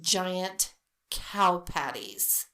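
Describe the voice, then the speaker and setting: Woman, middle-aged, podcast co-host, casual chat, animated storyteller. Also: on the low side, drawn-out words. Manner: chatty, animated storyteller with quoted voices. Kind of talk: casual chat over wine.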